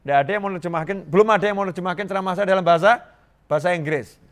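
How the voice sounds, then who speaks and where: A middle-aged man from Indonesia preaching a sermon to a congregation, lively and joking, repeating phrases for emphasis. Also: high voice, rapid-fire. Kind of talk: Islamic sermon to a live congregation.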